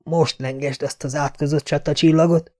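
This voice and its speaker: A man's voice: fairly high pitch, fairly even intonation, mellow, pitched above the performer's own voice, lightly acted. Man reading as a blunt young hedge knight. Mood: fierce.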